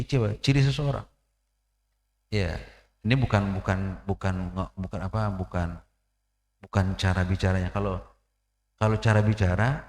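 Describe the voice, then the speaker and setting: A man giving a mosque sermon in a conversational way, repeating phrases, often saying "ya" and clearing his throat. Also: low-pitched, a little mellow. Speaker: preacher. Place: mosque hall. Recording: echoey hall with long reverb.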